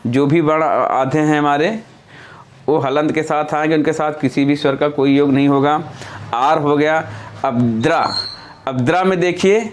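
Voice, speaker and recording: Male teacher from India, slightly high voice, patient step-by-step explainer who repeats himself. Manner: self-correcting, thinking aloud mid-explanation. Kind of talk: classroom-style lesson.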